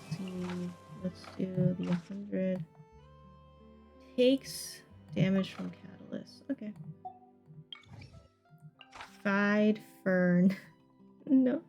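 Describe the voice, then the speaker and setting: Extremely slow and darkish in tone, a woman with a mid-range voice chats ramblingly with the viewers of her game livestream. Game music plays in the background throughout.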